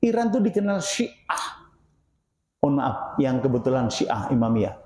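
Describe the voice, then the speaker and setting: A man preaching a sermon in a mosque study circle, questioning his listeners and swinging between loud and quiet. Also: a little slow. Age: 60s. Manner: animated, rhetorical questions to the congregation, swings between loud and low. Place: mosque hall. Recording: echoey mosque hall.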